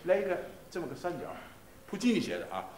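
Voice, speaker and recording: A man teaching voice in a masterclass, stopping to sing short phrases as examples, in a halting, repetitive way full of fillers. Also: sits high, wildly swooping pitch, darkish tone. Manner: breaks into sung Italian phrases to demonstrate. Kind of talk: masterclass coaching a singer. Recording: roomy archival class recording, faint hiss.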